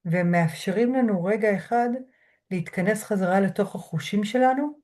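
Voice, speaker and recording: A woman lecturer speaking from home through a computer mic, guiding listeners through a grounding exercise in a slow, measured way with soft pauses. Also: mid-range voice. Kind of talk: calm guided lecture. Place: home room.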